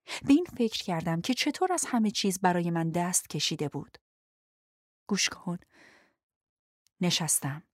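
Woman narrating a quiet audiobook. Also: lowish voice, sing-song, pauses often, no room sound, clean studio sound. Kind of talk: first-person audiobook narration.

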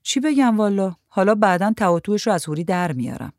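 A woman voicing a playful, teasing young married woman in a storybook reading, pitched up and exclaiming. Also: very animated, darkish tone, no room sound, clean studio sound. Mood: wry.

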